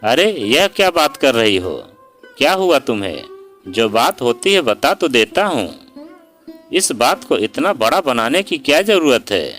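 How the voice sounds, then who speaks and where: A man's voice: medium pitch, very animated, measured pace, a bit bright, soft background music. A man voicing an irritated young husband in a story reading, defensive and brushing off his wife's complaints.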